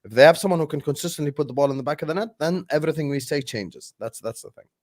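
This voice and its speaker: A young adult man co-hosting a casual football live stream, relaxed and matter-of-fact, with some teasing. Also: fairly high pitch, very fast. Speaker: football channel co-host.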